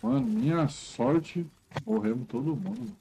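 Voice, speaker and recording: A man's voice: medium pitch, measured pace, vocal fry, slight background noise, poor audio. A middle-aged Brazilian man streaming a game with a headset, joking and teasing his friends in casual chat. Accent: Brazilian Portuguese. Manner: jokey, teasing, animated banter.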